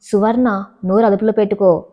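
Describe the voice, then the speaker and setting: A woman's voice: mid-range voice, steady tone, fairly quick, lightly acted. Woman voicing a stern elderly father. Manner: shouting rebuke. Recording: dull lo-fi recording.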